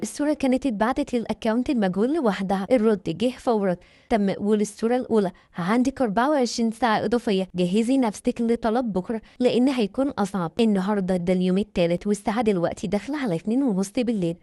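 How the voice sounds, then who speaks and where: A woman with an Egyptian Arabic accent narrating a scripted horror storytime, rushing through it in a breathless, suspense-building way. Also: a little high, warm tone, no echo, studio quality.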